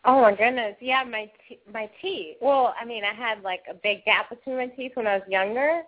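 A woman's voice: on the high side, normal speed. Woman radio caller on a phone line. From Georgia, US. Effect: radio show caller over a phone line. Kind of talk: call-in chat.

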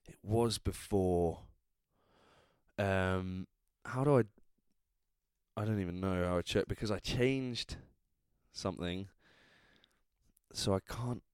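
A man's voice: sits low, slow, pauses often, darkish tone, clear, resonant tone, dry recording, studio quality. A drunk man with an English accent, chatting casually as a solo podcast host, rambling, interrupting himself and trailing off. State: drunk, tipsy.

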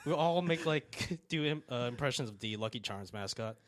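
Lively, giggly young male podcast host. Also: medium pitch, moderate pace. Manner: joking, giggly, reads ad copy. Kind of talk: casual podcast chat.

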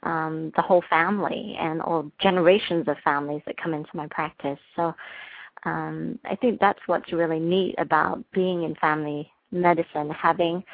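A woman with a lowish voice speaks earnestly and warmly, pausing often with ums as she answers. The sound is dry and narrow, like a phone line. She is a doctor from England talking as an interview guest. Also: dry recording. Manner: warm, earnest, many ums and restarts. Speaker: family physician, guest. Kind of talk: casual interview talk.

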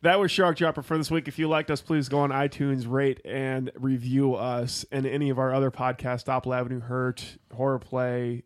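A man's voice: medium pitch, little pitch movement, moderate pace, few pauses, no echo. Dry-sounding blunt male podcast co-host. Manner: blunt, swears casually. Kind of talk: casual banter.

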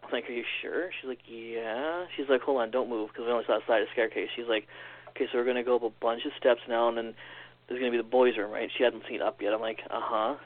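A man tells a string of uncanny stories in a fast, loose, conversational flow. He slips into the voices of the people he quotes along the way. The sound is narrow and tinny, like a phone call. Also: mid-range voice. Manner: animated, quick storyteller acting out quoted lines. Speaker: podcast guest. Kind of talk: casual storytelling.

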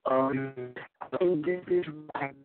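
A man's voice: medium pitch, slow pace, music in the background. A man teaching about spiritual matters in an earnest, repetitive, preacherly way, his call audio choppy and dropping out. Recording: phone-line call, dry, dropping out.

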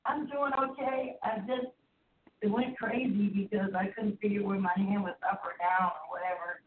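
A woman's voice: medium pitch, steady tone, moderate pace, roomy sound, background noise. Muffled woman caller, as if through a wall. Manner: rambling, restarts mid-sentence. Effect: muffled and distant, as if heard through a wall, from a speakerphone. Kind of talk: call-in chat. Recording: tinny phone line, far from the mic.

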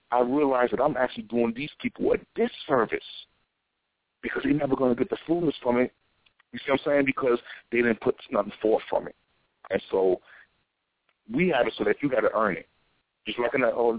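American male soapbox ranter, preachy street-vernacular delivery, very animated pitch, narrow telephone-grade sound. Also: a little fast, no room sound. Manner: ranting, preachy, exhorting with repeated phrases. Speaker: self-styled spiritual teacher. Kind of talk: impassioned soapbox sermon. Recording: thin phone-like radio sound.

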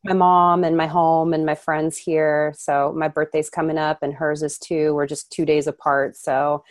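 A woman originally from Ukraine, a podcast guest, telling her life story in an earnest, reflective way with pauses. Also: low voice, flat delivery, dry recording. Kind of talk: conversational interview.

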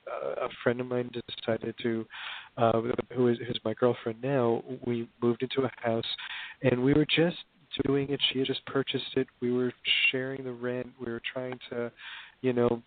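A man's voice: medium pitch, level tone, moderate pace. A man speaking as a guest in a radio interview over a crackly phone line with static. He talks hesitantly, with many fillers and restarts.

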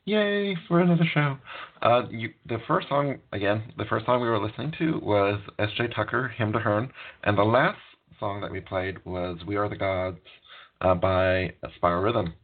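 A man hosting a podcast, closing the show casually in a relaxed, rambling way full of fillers. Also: lowish voice, moderate pace, narrow, tinny audio. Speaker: podcast host.

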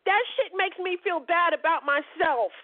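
A woman's voice: extremely high pitch, normal speed. A woman hosting a call-in talk show, speaking passionately and emphatically and swearing freely. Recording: tinny phone-like line.

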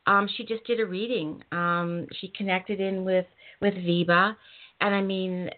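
A woman hosts an interview and gushes about her guest, filling her talk with ums and false starts. Her voice sits at an everyday middle pitch. The sound is narrow and tinny, like a phone line. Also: fairly even intonation, a little slow. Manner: gushing, with many ums and restarts. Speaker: host. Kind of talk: casual interview chat.

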